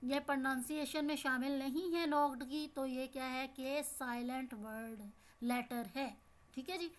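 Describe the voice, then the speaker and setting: A woman's voice: high voice, steady tone, unhurried. A woman with a Pakistani Urdu accent, explaining an English lesson to young pupils. She asks the class questions and repeats each word. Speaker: teacher.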